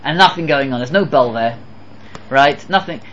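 Animated rabbi teaching, Yiddish-laced English. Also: male voice, medium pitch, moderate pace, highs cut off, slight background noise. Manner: animated, mixes Hebrew and Yiddish terms into English, swings between loud and hushed. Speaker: rabbi giving a Torah class. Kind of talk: Torah lecture.

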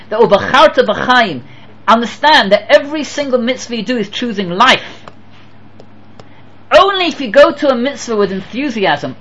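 This man, a rabbi, gives a Torah lecture with a very high-pitched voice. His English is peppered with Hebrew and Yiddish words, and his delivery alternates between emphatic and hushed.

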